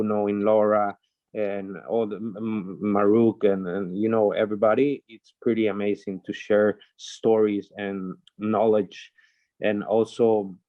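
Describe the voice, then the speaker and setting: A man speaks slowly in a low, flat voice, pausing often as he searches for his words. He sounds like a guest in a casual group voice chat. The line is tinny and phone-like, with a dry sound. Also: no room sound. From Honduras. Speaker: NFT artist guest.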